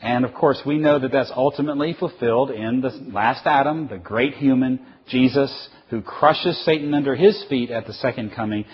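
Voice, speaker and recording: Husky-voiced man teaching a Bible class. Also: mid-range voice, normal speed, hardly any pauses, dull audio. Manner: animated storytelling, acts out quoted voices. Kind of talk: classroom lecture.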